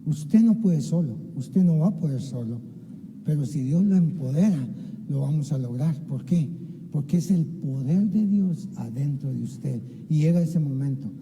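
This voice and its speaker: A man's voice: a little high, animated, normal speed, mellow, big-room sound, poor audio. A man preaching an impassioned sermon as pastor, often calling out to his listeners and acting out biblical dialogue. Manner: impassioned, keeps addressing listeners as "hermano". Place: church sanctuary.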